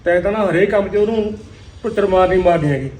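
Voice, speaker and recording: A man's voice: sits high, darkish tone, natural voice, poor audio. A man with a Punjabi accent playing a family man who lectures his mother in a comedy skit. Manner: lecturing, quick-talking. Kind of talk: rural comedy skit acting.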